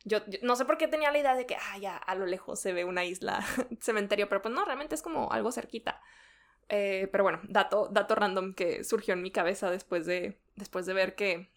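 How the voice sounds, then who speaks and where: A woman's voice: medium pitch, fairly quick. A woman co-hosting a casual book discussion, chatty, laughing often and trailing off mid-thought. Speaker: book podcast co-host.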